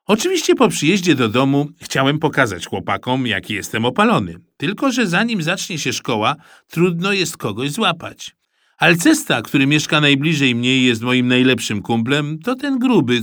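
A man narrating a children's storybook aloud in a lively, expressive manner, recorded close on a studio mic. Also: medium pitch, no echo. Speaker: audiobook narrator.

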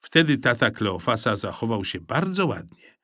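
A man narrating a children's storybook in an expressive, animated way. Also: medium pitch, normal speed, dry recording, studio quality. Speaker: audiobook narrator.

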